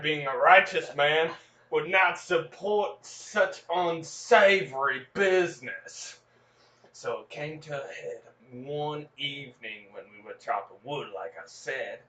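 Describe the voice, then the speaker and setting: Heavily acted and pitched fairly high, this man's voice carries vocal fry and a bright, forceful edge as a podcast host improvises a comedic tall tale. He voices a young frontier farm boy rambling on in an overblown Old West drawl, gasping and exclaiming through the folksy yarn. The sound is lo-fi and echoey from a distant mic.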